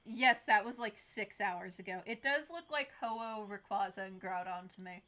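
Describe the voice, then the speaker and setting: A woman's voice: medium pitch, moderate pace, bright, forceful tone. Wry woman doing game commentary. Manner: wry, blunt, joking. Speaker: gamer playing through a game on camera.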